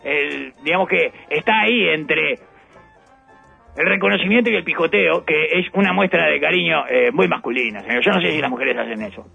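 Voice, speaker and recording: A man, a radio host in comic banter, deadpan, calling the others "señor". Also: fairly high pitch, fairly quick, vocal fry, slightly rough, highs cut off, soft background music. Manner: deadpan, keeps addressing others as "señor", bursts into chanting shouts.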